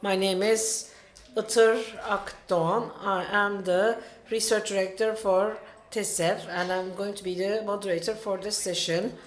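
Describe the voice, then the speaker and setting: A woman's voice: mid-range voice, steady tone, a little slow. A woman with a Turkish accent introducing a conference session as its moderator. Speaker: panel moderator. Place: conference room, live event. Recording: echoey room sound.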